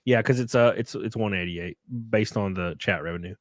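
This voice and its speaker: A man with a lowish voice speaks briskly while thanking donors on his livestream, rambling and swearing as he goes. He seems sniffly and a little buzzed; the studio-quality audio carries no room sound.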